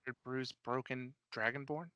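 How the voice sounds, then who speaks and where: A man playing in a tabletop game, talking haltingly with many restarts. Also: medium pitch, steady tone, bright, forceful tone, clean tone, no echo. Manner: hesitant, halting, full of restarts. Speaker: player. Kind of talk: tabletop role-play.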